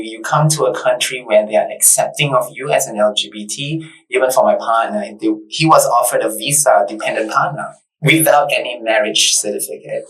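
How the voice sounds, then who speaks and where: A man's voice: medium pitch, a bit bright, distant mic, low-quality recording. A man in his thirties from Malaysia, a podcast guest telling his story in an earnest, reflective way. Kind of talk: casual interview conversation. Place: bright studio set.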